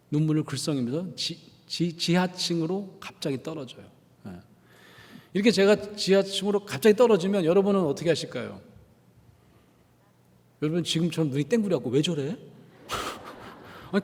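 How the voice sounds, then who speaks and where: A man lecturing in a church on empathy, his slightly high voice swinging widely in pitch as he quizzes the crowd and acts out little scenes in different voices. The sound carries a long reverb from a large sanctuary. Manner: animated, acts out dialogues in changing voices, asks the audience questions. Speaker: guest lecturer at a church prayer meeting. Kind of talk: lively church lecture on empathy with acted examples.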